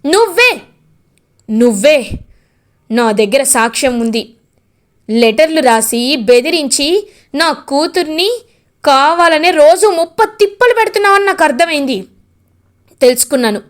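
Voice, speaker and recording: A woman voicing a fierce, stern middle-aged mother-in-law who shouts and threatens. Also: high voice, animated, measured pace, pauses often. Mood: furious.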